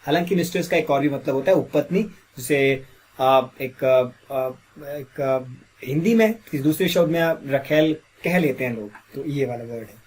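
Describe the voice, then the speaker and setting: A man teaching English grammar as a classroom lesson, quizzing listeners with repeated questions. He has a slightly sore throat and clears it often. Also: mid-range voice, lively intonation, moderate pace.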